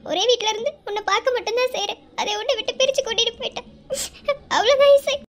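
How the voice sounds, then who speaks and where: A pleading young wife in a homemade cartoon, voiced by a woman. She has a very high, tearful voice and speaks with a Madurai Tamil accent. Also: racing, fairly bright tone, muffled recording. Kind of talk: cartoon voice acting.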